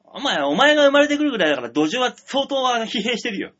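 A man from the Tokyo area hosting a radio talk show, trading rough, teasing jokes with his co-host in casual comedic banter. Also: extremely high pitch, sing-song, quick pace, a bit bright, muffled recording.

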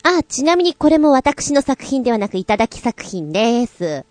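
Female host and drama coach with a high, sing-song, chatty delivery and a dry sound. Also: big pitch swings, normal speed, darkish tone, dry recording. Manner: playful and chatty, with light self-mocking asides. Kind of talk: casual chat.

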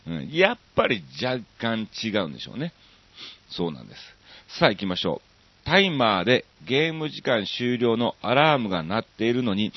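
A man from Osaka with a Kansai accent hosting a radio show, chatting casually and reading listener mail with lots of drawn-out fillers. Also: on the low side, dull audio. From Osaka, Japan.

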